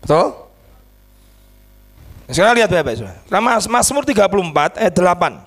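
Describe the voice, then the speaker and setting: A man pastor preaching a sermon, telling stories and swinging between low asides and shouted peaks. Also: sing-song, normal speed.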